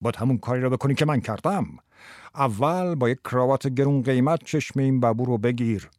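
A man voicing a brash older male tie salesman who lectures a shy boy on selling with quick, lively banter in an audiobook. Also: mid-range voice, no echo, studio quality, natural voice. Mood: coaching. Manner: lively, fast coaching banter. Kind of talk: audiobook character voice.

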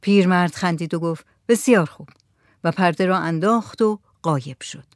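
A woman narrating an audiobook in a measured, even storytelling manner. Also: on the low side, no echo, clean studio sound.

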